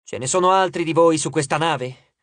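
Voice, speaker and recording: A man voicing a determined teenage girl who gives slow, commanding orders in an audiobook. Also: on the high side, fairly bright tone, no room sound, lightly acted. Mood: stern.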